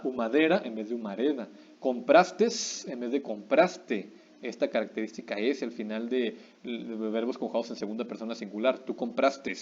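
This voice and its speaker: A man giving a recorded writing lesson, using many fillers and tag questions and slowing down to spell out examples. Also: medium pitch, dark tone, husky. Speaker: teacher. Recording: dull lo-fi recording.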